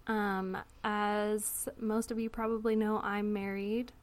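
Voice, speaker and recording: A woman hosting a podcast in a casual, chatty way, laughing often and filling pauses with "um". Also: medium pitch, flat delivery. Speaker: podcast host.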